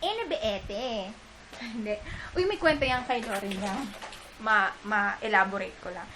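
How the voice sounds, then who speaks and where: A woman's voice: medium pitch, unhurried. A young woman from the Philippines, a mom vlogger telling a story in a chatty, giggly, rambling way, recorded on a camera mic at home. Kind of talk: casual storytelling vlog. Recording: noisy room ambience.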